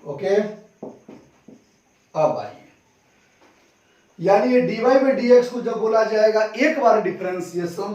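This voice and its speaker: A man's voice: sits high, darkish tone. A maths teacher with a Bihari Hindi accent, lecturing a class at the board and asking questions that he answers himself. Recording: echoey classroom from far off.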